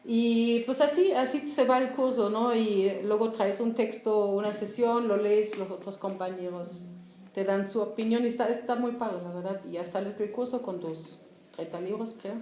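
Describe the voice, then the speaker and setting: A woman's voice: medium pitch, moderate pace, dark tone, a little hiss or hum. A young German-born woman, a writer with German as her first language, chatting and laughing as she tells stories at a public discussion. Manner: chatty, laughing storyteller with many fillers. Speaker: author guest. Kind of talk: casual talk at a public discussion. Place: room at a public gathering. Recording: roomy echoey venue.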